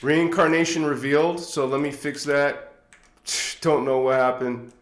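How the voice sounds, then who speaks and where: He's a man with a slightly high, steady voice, speaking a little slowly in a roomy-sounding space. Hosting a casual livestream through a phone on a tripod, he chats and rambles, nose stuffed up, with plenty of chuckles.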